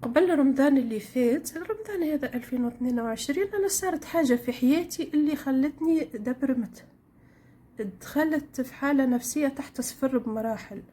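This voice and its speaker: A woman's voice: sits high, fairly quick, warm tone. Chatty Tunisian woman vlogging from her kitchen. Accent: Tunisian Arabic. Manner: chatty, rambling storyteller. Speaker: home cooking vlogger. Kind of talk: casual chat while cooking. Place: home kitchen.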